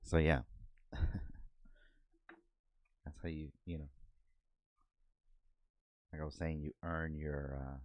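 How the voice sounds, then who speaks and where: Deep-voiced guy chilling on his podcast, talks slow, laughs a lot, dry sound. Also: flat delivery, a little mellow, no echo. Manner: laid-back, laughs often, acts out cartoon bits. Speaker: podcast host and artist. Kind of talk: casual chat while doodling. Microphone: desk microphone.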